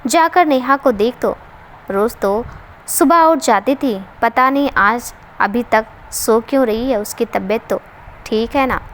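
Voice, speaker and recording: A woman's voice: a little high, a little slow, fairly bright tone, slight background noise. A woman voicing a caring, fussing middle-aged mother in a read-aloud family story. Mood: worried.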